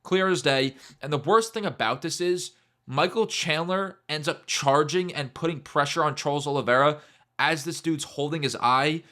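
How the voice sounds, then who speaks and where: Bright-voiced young man mocking a fight. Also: a little high, normal speed. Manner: animated, mocking, repeats catchphrases. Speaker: MMA YouTuber. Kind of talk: casual fight breakdown commentary.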